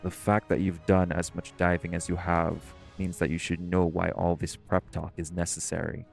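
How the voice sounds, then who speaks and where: In a scripted audio roleplay, a man voices a stern, protective marine shifter who bossily leads a dive, speaking seriously and with caution. His deep voice is darkish and level, with vocal fry and a moderate pace. Soft music plays in the background.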